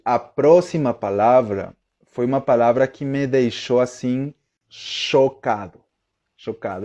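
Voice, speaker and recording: Guy teaching on a live stream, slow and mellow, keeps asking if everyone's following. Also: mid-range voice. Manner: chatty, checks in with viewers often. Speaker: Spanish teacher. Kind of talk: live online lesson.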